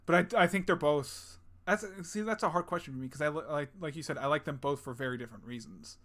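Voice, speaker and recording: A man's voice: a little high, quick pace, fairly bright tone. A young man co-hosting a podcast in casual chat, rambling, swearing casually and laughing often. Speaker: podcast co-host.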